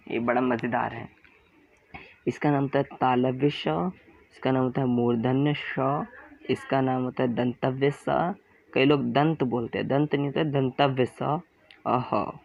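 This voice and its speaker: A man teaching Hindi grammar, explaining in a classroom style, asking questions and answering them himself, and repeating sounds slowly. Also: mid-range voice, vocal fry, lo-fi sound, a little hiss or hum.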